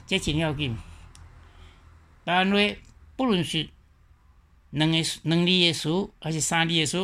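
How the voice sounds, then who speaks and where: A man with a Taiwanese accent giving an explanatory lecture, slowly repeating example words one at a time. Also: on the high side, pushed and bright. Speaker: teacher.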